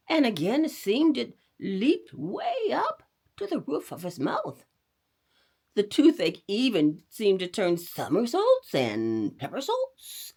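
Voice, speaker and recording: Speaking straight to the children listening, a woman storyteller leads a read-aloud with lively, expressive delivery. Her slightly high voice carries vocal fry and a breathy edge.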